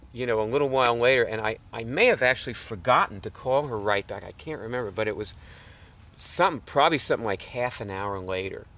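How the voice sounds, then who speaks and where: A middle-aged man with a medium-pitched, fairly bright voice rambles through a story in a casual lecture, chuckling often and padding his speech with fillers and restarts. He founded a nonprofit and teaches alternative healing.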